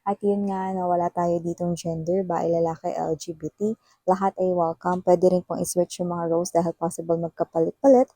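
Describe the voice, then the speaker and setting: A Filipino-accented woman reads tarot in an easy, chatty way, constantly checking in with her viewers. Her voice is mellow and warm with a soft breathy edge. It sounds close and dry. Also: lowish voice, flat delivery, a little fast, no room sound, rough recording. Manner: chatty, tags sentences with "no?". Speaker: tarot reader. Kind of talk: casual tarot reading for viewers.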